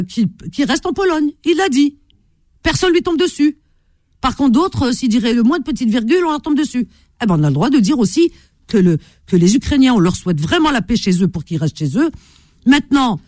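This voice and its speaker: A woman's voice: medium pitch, warm tone, no echo, studio quality. A middle-aged woman hosting a call-in radio show, talking emphatically, with lots of hesitations and repetition. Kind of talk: opinionated call-in radio talk.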